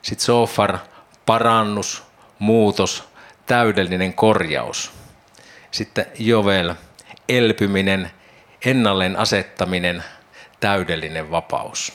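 A man's voice: low-pitched, pauses often, fairly bright tone. A man preaching a devotional Bible teaching, reflective, imagining the scene aloud and posing questions to his listeners.

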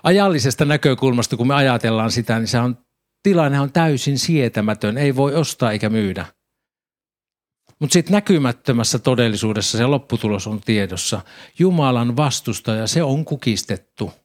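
A man preaching a sermon, calmly explaining scripture and reading passages aloud. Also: mid-range voice.

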